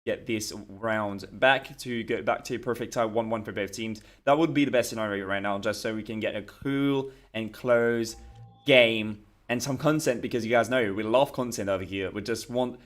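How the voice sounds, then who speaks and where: A man with a French accent co-casting a live match, chatty, with hesitant fillers and throat clearing. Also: fairly low pitch, fairly even intonation, normal speed. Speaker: esports co-caster. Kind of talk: live game commentary.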